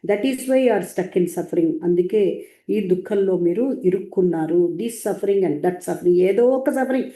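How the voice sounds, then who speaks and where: Dark-voiced woman lecturing in a roomy echo. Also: mid-range voice, measured pace. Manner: repetitive, emphatic, lecturing. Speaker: translator of spiritual teachings. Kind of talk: spiritual teaching talk, translating into Telugu.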